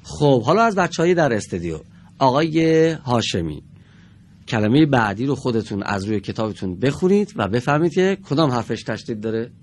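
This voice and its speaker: A male teacher leads a reading lesson in a TV studio, speaking at a mid pitch. He is patient and draws out each word slowly for the class. A faint noise runs behind his voice. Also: lively intonation. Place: TV studio with children.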